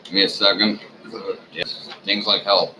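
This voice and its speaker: A drunk man giving a rambling, off-the-cuff rant to his viewers, swearing often, halting and losing his thread. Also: low-pitched, level tone, noisy background. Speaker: online ranter, video host.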